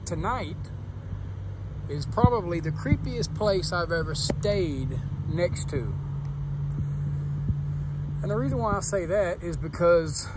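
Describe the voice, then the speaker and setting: A trucker narrates a casual vlog in a folksy, informal manner, filming on a handheld phone outdoors beside a road at night. Behind his voice, vehicle noise is clearly audible, including a rumbling truck engine.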